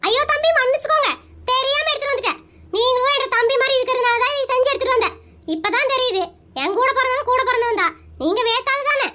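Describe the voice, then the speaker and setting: Muppatha is a chatty, nosy village neighbor with a very high, squeaky cartoon voice, played by a woman. She coaxes and rattles on quickly, and her tone is bright and sharp. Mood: pleading. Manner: chatty, coaxing, drawn-out village talk. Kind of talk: Tamil comic cartoon voice acting.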